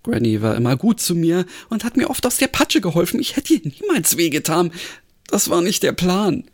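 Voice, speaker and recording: A man's voice: high voice, very animated, moderate pace. A man voicing a nervous young man who stammers and pleads that he is innocent. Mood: pleading.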